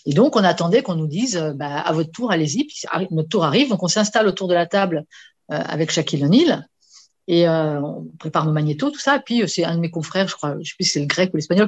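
A woman, a sports journalist, telling an anecdote in casual conversation, animated, with many fillers and repeated words. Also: fairly low pitch. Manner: lively storyteller with many fillers and repetitions.

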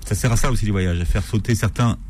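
A man's voice: fairly low pitch, fast talker, darkish tone, a little hiss or hum. A man hosting a book show, interviewing a guest in a conversational way and asking leading questions. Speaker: host, interviewer.

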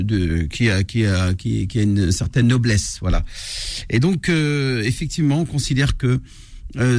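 A man's voice: medium pitch, darkish tone, no room sound, studio quality. A man, an imam explaining religion in a live radio discussion, hesitant and searching for words. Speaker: imam, regular radio guest.

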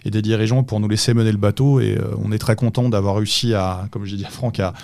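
A man who is an assistant basketball coach, giving measured, explanatory answers in a podcast interview with touches of dry humor. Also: on the low side, fairly even intonation, gravelly, a little mellow, dry recording.

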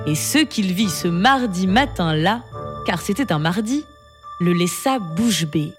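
Storyteller, female, expressive and lively, over background music. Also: fairly low pitch, measured pace. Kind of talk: storybook narration.

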